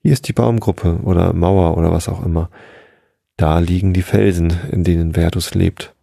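A man playing a bossy, impatient older brother in a storybook reading, with an urgent, quick-tempered manner. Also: low voice, fairly even intonation, vocal fry, mellow, no echo, studio quality. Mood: explaining.

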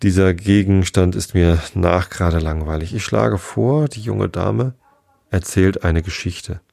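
A man's voice: low voice, unhurried, creaky, darkish tone, no echo, heavily acted. A man voicing a bored, yawning March Hare. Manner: yawning, earnest.

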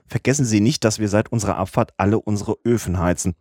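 Ship's engineer, plain and matter-of-fact, read by a man; low and dry. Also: quick pace, darkish tone, no echo, natural voice. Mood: worried. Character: ship's engineer explaining a problem.

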